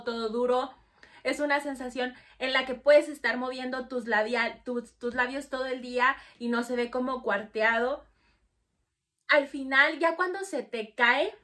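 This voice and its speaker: Bright-voiced chatty Mexican woman vlogger. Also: high voice. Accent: Mexican Spanish. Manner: chatty, bubbly, fillers like súper. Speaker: beauty vlogger. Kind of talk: casual makeup review to camera.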